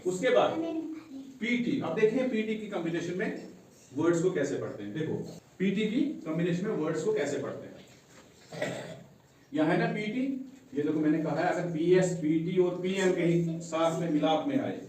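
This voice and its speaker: A man's voice: on the high side, expressive, normal speed, a little mellow. A male English teacher giving a classroom lesson, quizzing his students with repeated call-and-response questions. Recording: very echoey room, mic far off, faint noise.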